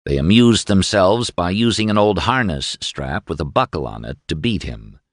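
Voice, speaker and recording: Deep-voiced male audiobook narrator. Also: very animated, moderate pace, no room sound, clean studio sound. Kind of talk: scripted narration.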